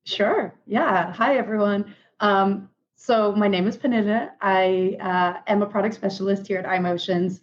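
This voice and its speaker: A woman from Denmark, a guest in an interview, telling her story in a relaxed way with fillers. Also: medium pitch, unhurried, hardly any pauses, muffled recording. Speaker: guest, product specialist. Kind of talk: casual interview.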